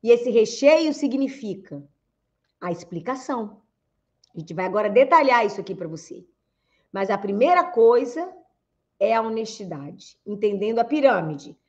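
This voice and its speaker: A woman's voice: on the high side, animated, normal speed, lo-fi sound. A woman with a Brazilian accent coaching on communication in a lecture, asking rhetorical questions and acting out quoted speech. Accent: Brazilian Portuguese. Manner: rhetorical questions, calls listeners "gente", acts out quoted speech. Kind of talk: lecture to an audience.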